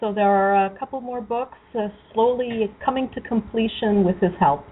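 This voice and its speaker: A woman's voice: a little high, normal speed, slightly rough. A polite woman calling in as a guest, her voice sounding metallic, as if she were in a small tin can. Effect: metallic tin-can sound, like a small metal room. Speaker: guest on a call-in show. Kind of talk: casual chat. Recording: tinny, noisy internet call line.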